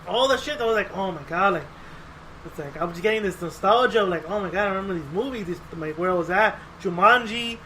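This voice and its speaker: Fast and high in pitch, a man rambles through casual podcast chat as co-host, profane and animated, performing the quotes in his stories. The audio is poor, with a little hiss or hum.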